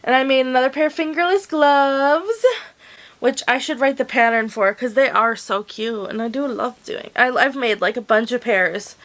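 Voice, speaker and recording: A young woman with a high, bright-sounding voice chats to her camera from home. She is slangy and casual, swearing offhandedly as she talks. Her voice comes through a plug-in desk mic. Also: moderate pace. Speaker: crochet vlogger.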